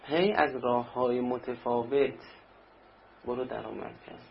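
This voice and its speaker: A man's voice: mid-range voice, fairly even intonation, vocal fry, a little hiss or hum. A man preaching a sermon in a conversational way, acting out little anecdotes. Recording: dull lo-fi recording with faint ambience.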